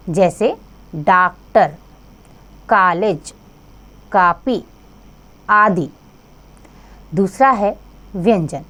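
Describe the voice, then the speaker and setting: A woman teaching a grammar lesson to children, addressing them directly and sounding out each letter slowly. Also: mid-range voice.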